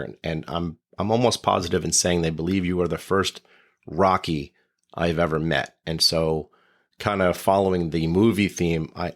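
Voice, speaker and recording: A man hosting a podcast interview, chatting loosely, rambling with many restarts and fillers. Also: low voice. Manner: rambling, full of restarts and "you know". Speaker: podcast host. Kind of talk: casual interview chat.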